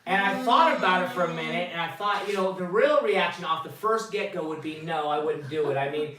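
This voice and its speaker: A man in his forties hosting a casual interview with guests, jovial and quick to laugh, sincere when he thanks them. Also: high-pitched, far from the mic, a crowd in the background. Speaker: channel host interviewing guests. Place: hotel room at a theme-park resort. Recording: echoey room, voice from off-mic, faint noise.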